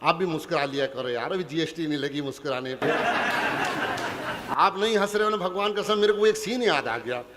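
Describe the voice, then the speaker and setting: This Punjabi man performs comic poetry to a packed hall, needling the listeners right to their faces. He speaks brisk and on the high side. The live stage capture, crowd included, is very noisy.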